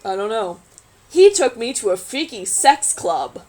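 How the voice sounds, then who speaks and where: A woman's voice: on the high side, sing-song, unhurried, mellow, low-quality recording. A woman reading a magazine story aloud in a casual group chat, adding wry, sarcastic asides.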